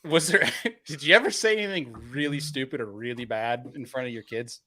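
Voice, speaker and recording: A man's voice: medium pitch, a little fast, sharp tone. A man hosting a fishing podcast, chatting casually and laughing often. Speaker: podcast host. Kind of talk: casual chat.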